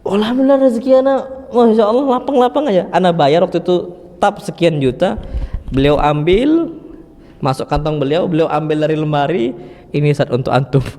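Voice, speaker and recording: Male preacher, high voice, lively anecdotes, reverberant mosque recording. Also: brisk. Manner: animated storytelling with Arabic phrases. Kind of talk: religious study talk.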